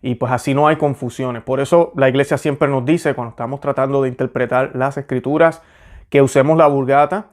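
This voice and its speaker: A man's voice: mid-range voice, fairly even intonation, fairly quick, a little mellow. Hesitant man explaining church history. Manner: hesitant, self-correcting with many fillers. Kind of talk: casual teaching talk.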